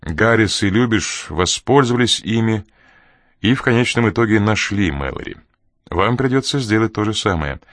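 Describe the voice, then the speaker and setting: Male narrator voicing a courteous, cold schemer, storybook reading, calm delivery. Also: lowish voice, normal speed, no room sound, clean studio sound, natural voice. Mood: measured. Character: composed, politely menacing man.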